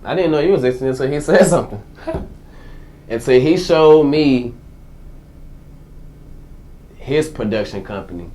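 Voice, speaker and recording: A man's voice: medium pitch, animated, measured pace, long pauses, mellow. A man in his twenties answering interview questions casually, with slang and repeated phrases. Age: 20s. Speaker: guest, formerly incarcerated entrepreneur.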